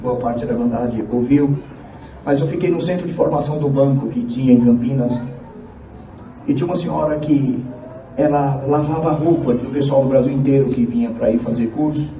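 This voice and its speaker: A man from Piauí, giving a church testimony to the congregation in an earnest, halting way and repeating his phrases. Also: mid-range voice, slight background noise. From Piauí, Brazil. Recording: echoey, distant, dull church recording.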